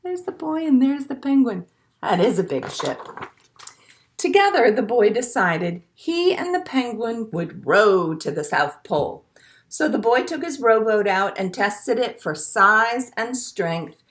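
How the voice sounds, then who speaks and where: A woman whose voice sits on the high side, with big pitch swings and an unhurried pace, hosts a children's storytime. Reading a picture book aloud with expression, she adds songs and asides and talks simply and encouragingly to the little ones.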